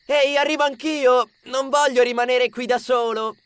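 A restless teenage boy who jokes around and pleads with his friends, as a man acts him out. His voice sits very high and swings widely. The sound is dry and close, like a storybook recording. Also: lively intonation, a little slow, fairly bright tone, dry recording. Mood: wheedling. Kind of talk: audiobook character acting.

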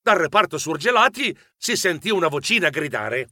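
Male audiobook narrator for children: animated, bright, playful. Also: on the high side, a little fast, dry recording, clean studio sound. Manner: expressive, playful storytelling.

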